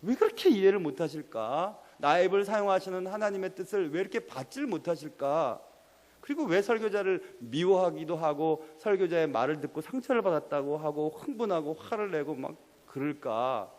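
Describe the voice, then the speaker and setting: A young male pastor preaches with a high, animated voice, throwing questions at the congregation and pressing for answers. The sound carries a long reverb from the sanctuary. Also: normal speed. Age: young adult. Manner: lively, quizzes the congregation and presses them. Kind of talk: sermon. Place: church sanctuary.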